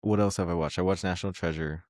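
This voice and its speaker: A young man with a low, deep voice talks through a podcast conversation in a loose, laid-back way. He swears freely and laughs often while retelling a film scene. The sound is dry and close to the mic. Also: fairly even intonation, fast talker, darkish tone, dry recording. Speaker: podcast host. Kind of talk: casual chat.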